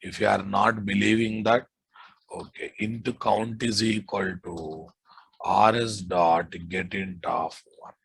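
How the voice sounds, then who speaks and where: Husky Telugu-accented man teaching code. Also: lowish voice, fairly even intonation, slow pace, fairly bright tone, no echo, low-quality recording. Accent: Telugu Indian. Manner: repeats phrases, informal asides to students. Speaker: programming instructor. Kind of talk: live coding lesson, dictating code.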